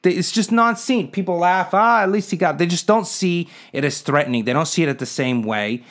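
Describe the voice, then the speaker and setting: Indignant rambling man, fairly high voice. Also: brisk. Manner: indignant, rhetorical, asks the viewers for their opinion; jokey asides and chuckles. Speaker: vlogger. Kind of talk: casual rambling monologue to camera.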